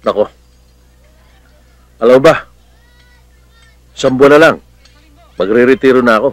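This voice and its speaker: A man's voice: medium pitch, normal speed, dry recording, lightly acted. An actor playing a protective, hot-headed middle-aged policeman uncle in a Filipino film drama, with a Filipino accent and a blustery, affectionate manner. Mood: relaxed, friendly. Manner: blustery, scolding yet affectionate.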